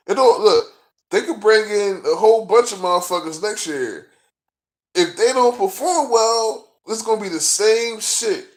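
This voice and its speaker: Man, vlogger, casual sports rant, cussing, frustrated, rambling, fillers, slightly high voice.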